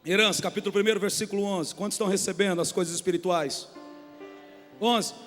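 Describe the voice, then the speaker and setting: A Brazilian pastor preaching a fiery sermon, telling folksy stories and building up to shouted repetitions. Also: male voice, high-pitched, fairly even intonation, quick pace. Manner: colloquial, folksy storytelling. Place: church hall. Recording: reverberant church hall with faint music.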